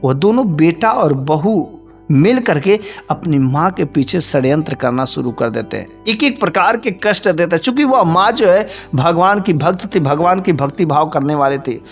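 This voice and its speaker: Storyteller: high-pitched man, plain unhurried delivery, soft music underneath. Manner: plain, unhurried telling with frequent filler phrases. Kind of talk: devotional moral story narration.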